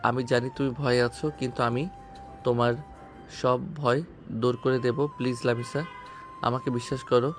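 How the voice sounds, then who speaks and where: An actor with a Bengali accent playing a devoted young husband who speaks softly and earnestly in an audio story. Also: male voice, medium pitch, level tone, normal speed, long pauses, faint music behind, lightly acted. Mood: pleading. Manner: soft, earnest and tender.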